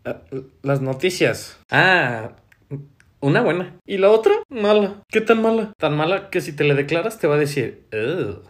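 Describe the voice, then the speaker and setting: A young man with a Mexican accent performing comedy sketches, playing both sides of the conversation in playful, quick banter. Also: a little high, expressive.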